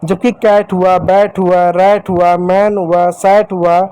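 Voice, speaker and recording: High-voiced man teaching to children. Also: little pitch movement, takes it slowly, warm tone, clear, resonant tone. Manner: addresses children directly, repeats points, asks questions. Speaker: English teacher. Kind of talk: classroom-style lesson for children.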